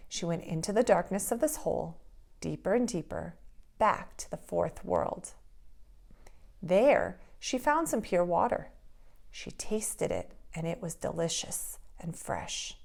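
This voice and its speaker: A preschool teacher, a woman, reading a folktale aloud to children in an expressive storytelling manner. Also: fairly low pitch, creaky. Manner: expressive, slow storytelling pace.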